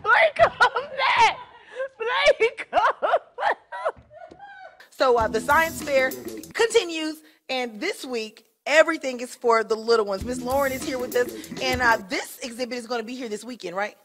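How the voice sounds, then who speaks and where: A female TV presenter with a high voice chats through a live segment. Music plays clearly behind her. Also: brisk.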